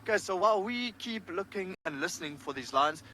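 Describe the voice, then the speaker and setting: A man's voice: high-pitched, lively intonation, fairly quick, bright, forceful tone. A man giving informal live wildlife commentary as a safari guide, thinking aloud as he explains, outdoors in a vehicle. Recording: faint outdoor and vehicle noise. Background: outdoor ambience.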